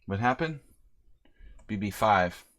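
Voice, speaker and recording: Taking it slowly, a man with a lowish, slightly bright voice and lively intonation thinks aloud over his moves. He's streaming a chess simul, chatting away in a self-deprecating manner as live-stream commentary.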